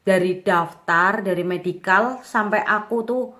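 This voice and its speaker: Talking straight into the camera, this young woman in her twenties shares a personal story in a relaxed, open, chatty way, sprinkling in plenty of fillers. She has a medium-pitched voice and speaks a little slowly.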